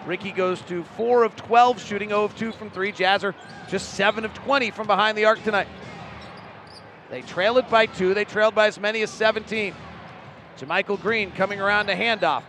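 High, gravelly man calling basketball live. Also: steady tone, slight background noise. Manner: rapid clipped play calls, bursting into shouts on big plays. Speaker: play-by-play commentator.

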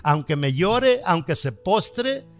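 A man's voice: sits high, sing-song, takes it slowly, voice pushed up, full character voice. A man voicing a stern mother who insists on punishing her son, in a firm, lecturing tone.

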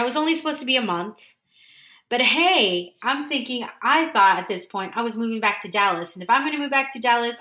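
The speaker is a San Diego podcast host, a woman with a medium-pitched, pushed and bright voice in a roomy-sounding space. Talking alone and casually, she wanders from point to point with earnest self-corrections.

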